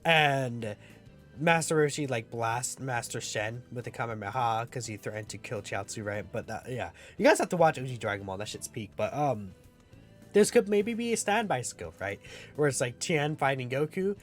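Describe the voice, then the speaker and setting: A man's voice: mid-range voice, expressive, normal speed. Young man, casual gamer commentary, rambling delivery with lots of fillers, faint music underneath. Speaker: gaming YouTuber.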